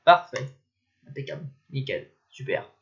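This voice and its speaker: A man's voice: medium pitch, expressive, a little slow, creaky. Young man rambling through a dull tutorial. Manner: rambling, thinks aloud, mutters at software. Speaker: tutorial maker. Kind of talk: casual screen-recorded tutorial. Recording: dull lo-fi mic.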